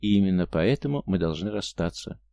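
A man's voice: deep voice, lively intonation, brisk, gravelly, mellow, dry recording. A man voicing a tender, proud, free-spirited Martian woman in an audiobook, speaking earnestly. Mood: sorrowful.

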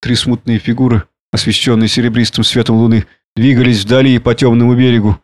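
A man narrating an audiobook in a measured storytelling manner. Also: mid-range voice, little pitch movement, a little mellow, dry recording.

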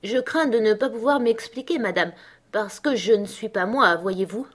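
A woman's voice: medium pitch, moderate pace, voice pushed up, lightly acted. A woman voicing a timid, polite young girl who talks hesitantly in an audiobook. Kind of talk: audiobook character reading.

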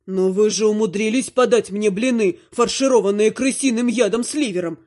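A woman's voice: mid-range voice, a little fast, a little mellow, pitched below the performer's own voice, natural voice. A woman voicing an irritated, weary father who grumbles back at his mother-in-law, in an audiobook. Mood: exasperated. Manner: grumbling, exasperated.

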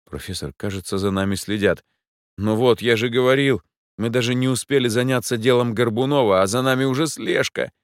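A man voicing an excitable, anxious young male student. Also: medium pitch, fairly quick, no echo, studio quality, pitched above the performer's own voice, natural voice. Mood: agitated. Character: young male student assistant, jumpy and money-minded.

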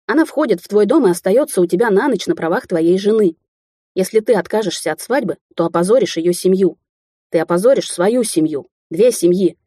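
A hurt, quarrelsome young woman hurls accusations in a rush of heat, as a woman reads her aloud. The voice is husky and dark, recorded dry and close. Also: mid-range voice, no echo. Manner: heated, accusing.

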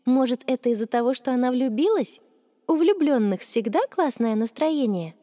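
A woman voicing a nervous, flustered teenage schoolgirl with squeaky, breathless exclamations. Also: animated, moderate pace, warm tone, in a large hall. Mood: contented.

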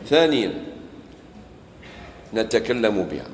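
A man's voice: on the low side, big pitch swings, slow pace, roomy sound, long reverb tail, a little hiss or hum, rough recording. A man with an Algerian Arabic accent giving a Quran commentary lesson, talking conversationally and acting out everyday dialogues. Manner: conversational, mixes formal and colloquial speech, acts out street dialogues. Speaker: preacher.

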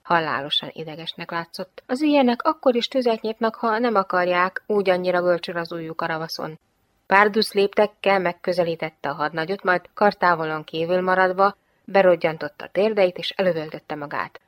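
A woman narrates an audiobook in a lowish voice with a wry, ironic delivery. The recording is close and dry, with no room sound. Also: no room sound.

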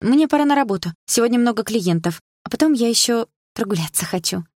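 A woman's voice: on the high side, expressive, darkish tone, no echo, clean studio sound, pitched above the performer's own voice. A woman playing a frantic, scolding young friend. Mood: flustered. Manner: agitated, scolding, fast questions.

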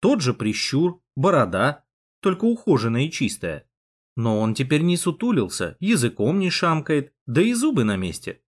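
A man narrates a first-person audiobook in a fairly high voice. His delivery is expressive and lively, with plenty of rise and fall. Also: normal speed, slightly rough. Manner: expressive storyteller.

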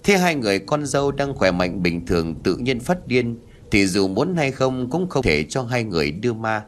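A man's voice: mid-range voice, big pitch swings, moderate pace, a little hiss or hum. A man reading a ghost story aloud in a dramatic scripted narration.

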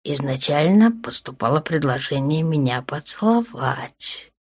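A woman doing a purring, playful dark male lord. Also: expressive, a little slow, husky, full character voice. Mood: teasing. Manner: low, soft and purring, often near a whisper. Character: smug, teasing dark male lord, wounded but playful. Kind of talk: audiobook character voicing.

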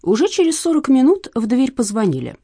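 A woman narrating a comic novel in an expressive, lively reading. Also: high voice, brisk, slightly rough, no room sound, studio quality. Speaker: audiobook narrator. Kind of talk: scripted narration.

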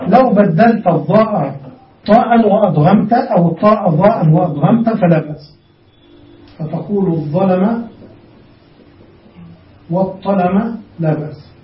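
A man teaching an Arabic grammar lesson, speaking slowly and deliberately and spelling out word forms step by step. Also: sits high, recorded from a distance. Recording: muffled, echoey classroom recorded from afar.

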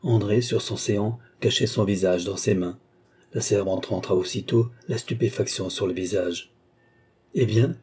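A man narrating a classic novel as an audiobook, measured and expressive. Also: fairly low pitch, husky.

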